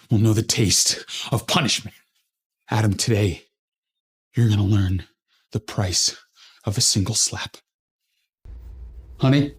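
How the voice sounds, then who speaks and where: An actor playing an arrogant young corporate manager who bullies and threatens his relatives, with a husky voice. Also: fairly low pitch, exaggerated voice.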